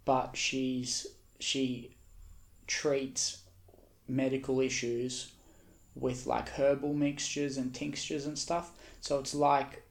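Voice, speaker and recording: A man's voice: medium pitch, flat delivery, takes it slowly, vocal fry, echoey room, poor audio. A man hosting a casual podcast chat, rambling with lots of fillers. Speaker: podcast host.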